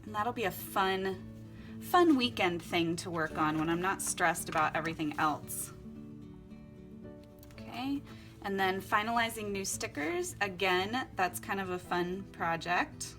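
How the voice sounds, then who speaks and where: She speaks unhurriedly in a mid-range voice with lively intonation, music playing underneath. The young vlogger, from Florida and Costa Rica, narrates her journaling at home in a casual, upbeat way, laughing often.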